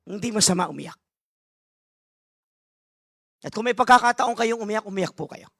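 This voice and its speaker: A bishop delivers a sermon in a blend of Tagalog and English, emphatically stressing his points, posing rhetorical questions to the congregation, calling for amens and adding joking asides. His high, fairly bright voice has lively intonation at normal speed, in studio-quality audio with no room sound.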